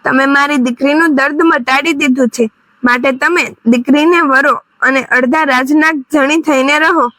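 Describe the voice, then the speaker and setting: A woman's voice: high-pitched, steady tone, normal speed, a bit bright, no echo, rough recording. A woman voicing a grateful male king and father, speaking formally and graciously.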